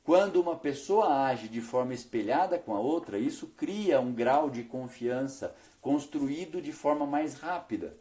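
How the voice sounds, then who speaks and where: A man's voice: mid-range voice, a little slow, few pauses, mellow. A male veterinarian teaching business tips in an instructional video, often asking himself questions and answering them.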